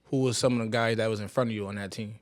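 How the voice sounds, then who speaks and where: A young man from Connecticut hosting a casual podcast, telling animated stories with heavy slang and frequent laughter. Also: lowish voice, rapid-fire. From Bridgeport, Connecticut, USA. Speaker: podcast host. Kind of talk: casual conversational interview.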